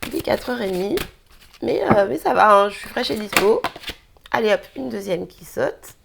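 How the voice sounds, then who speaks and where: A woman's voice: medium pitch, expressive, moderate pace, vocal fry, noisy background. A young woman, chatting casually through a daily tarot card reading with many hesitations.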